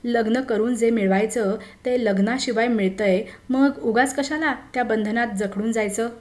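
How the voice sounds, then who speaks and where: A woman's voice: on the high side, moderate pace, a little mellow, lightly acted. A woman voicing a charming, playful young bachelor who answers with carefree, laughing ease, in a story reading. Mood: amused. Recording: roomy echo.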